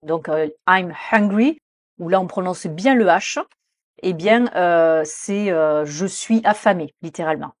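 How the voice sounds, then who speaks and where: A woman teaching English pronunciation in French, explaining patiently with frequent hesitations and slowing down to model English example sentences. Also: fairly low pitch, darkish tone, no echo, studio quality.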